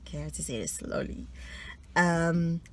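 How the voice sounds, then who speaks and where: A woman vlogger quizzes herself for her own video, chatting casually, teasing herself and laughing often between answers. Her voice sits low and she speaks at a moderate pace.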